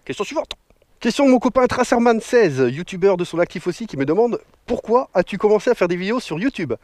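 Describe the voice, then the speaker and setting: In this casual Q&A vlog, a thirty-something motorcyclist from northern France jokes around in slang while answering viewers outside. The voice is high and darkish, quick-paced with lively intonation, captured dry on an action camera mic.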